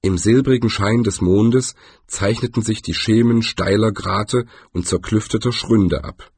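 Low husky guy reading a story out slowly, dry close sound. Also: darkish tone, no echo. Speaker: audiobook narrator. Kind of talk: scripted narration.

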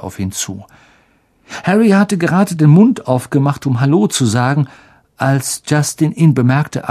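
A man narrating an audiobook with a steady storytelling delivery. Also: medium pitch. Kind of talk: scripted narration.

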